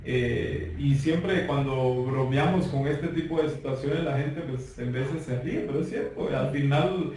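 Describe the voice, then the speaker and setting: A man's voice: mid-range voice, measured pace, few pauses, darkish tone. Earnest Guatemalan man, roomy far sound. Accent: Guatemalan Spanish. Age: 30s. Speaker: guest giving testimony. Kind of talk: personal testimony. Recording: roomy far-off mic with faint noise.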